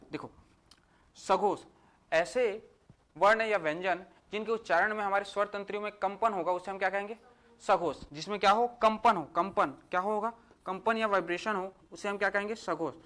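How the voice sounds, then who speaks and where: A male teacher giving an exam-prep grammar lesson, asking questions and answering them himself, and sounding out letters slowly one by one. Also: sits high, fairly bright tone.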